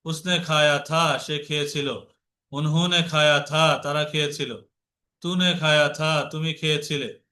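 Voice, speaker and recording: A man's voice: fairly high pitch, little pitch movement, normal speed, pushed and bright. A man teaching Urdu grammar from slides, explaining in Bengali and patiently repeating drill phrases. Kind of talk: slide-based grammar lesson.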